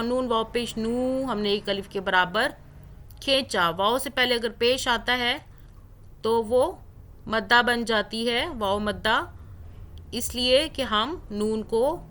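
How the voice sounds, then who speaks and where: A woman teaching Quran recitation rules step by step, drawing out the recited words slowly. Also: a little high, a bit bright. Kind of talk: tajweed lesson with recited examples.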